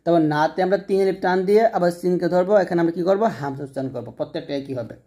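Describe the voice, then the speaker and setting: A man teaching Quran recitation who explains common pronunciation mistakes in plain speech, then chants slow, drawn-out syllables for listeners to repeat. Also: high-pitched, warm tone. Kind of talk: step-by-step recitation lesson.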